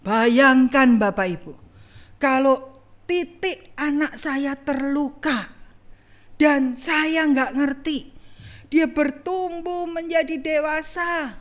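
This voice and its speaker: A woman's voice: high voice, slow. A middle-aged woman evangelist, telling a personal story in a sermon and talking straight to the congregation. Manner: conversational, addresses congregation directly. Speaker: evangelist preacher. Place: church online service.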